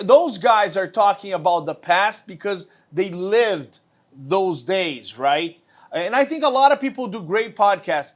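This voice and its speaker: Enthusiastic high-voiced male co-host. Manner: enthusiastic, praising. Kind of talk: casual interview talk.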